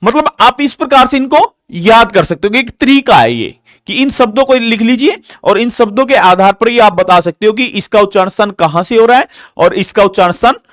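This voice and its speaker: A man teaches grammar in a live online session, recorded as clean studio sound with no room tone. Step by step, he asks questions and supplies the answers himself, drilling the material with slow, deliberate explanation and a lively pitch.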